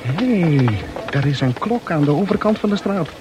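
A male actor in an old 1960s radio play speaks the anxious inner monologue of a fretting bachelor wandering through town. The voice is natural, a little high, and expressive, delivered at a moderate pace over background noise.

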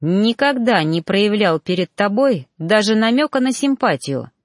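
A woman's voice: mid-range voice, expressive, unhurried, no echo, clean studio sound, lightly acted. A woman voicing a brash, curt male mentor who growls his words. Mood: harsh.

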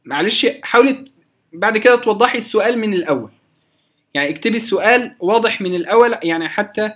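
Teaching tajweed in a recorded lecture, an Egyptian man with a high, slightly bright voice talks fast and animatedly. He lays out Quran recitation rules by asking himself questions and answering them, lengthening the example words as he goes. His accent is Egyptian Arabic.

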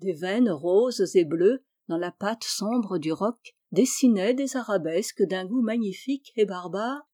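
A woman reading a classic story aloud in measured, descriptive narration. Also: medium pitch, dark tone, no echo, clean studio sound. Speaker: reader.

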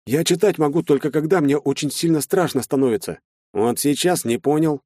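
A man's voice: a little high, brisk, a little mellow, dry recording, voice pushed up, lightly acted. A man voicing a shy, beardless young male soldier, speaking timidly in a raised voice.

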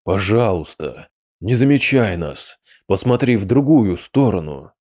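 A man voicing a cautious male mage who speaks in a low, subdued and measured way. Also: sing-song, darkish tone. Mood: pleading.

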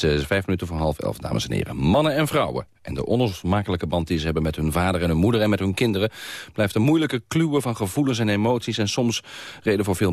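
A male radio host announcing the segments in a smooth, steady way. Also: low voice, no room sound, studio quality. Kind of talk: radio presenting.

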